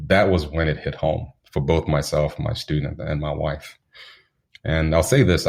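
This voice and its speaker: Very deep gravelly man from Zambia. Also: a little mellow. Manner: unhurried, anecdotal, chuckles while telling stories. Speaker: guest. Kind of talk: reflective storytelling in an interview.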